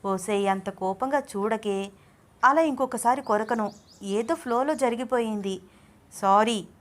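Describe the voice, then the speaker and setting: A woman's voice: fairly high pitch, unhurried, natural voice. Teasing, pushy young husband, read by a woman in a storybook; coaxing tone, ordinary talking voice. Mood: apologetic. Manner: teasing, coaxing, calls his wife babe. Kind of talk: storybook reading.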